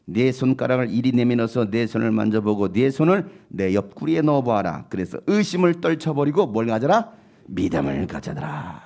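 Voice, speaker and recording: Animated gravelly-voiced preaching man. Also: medium pitch, moderate pace. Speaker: pastor. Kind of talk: sermon.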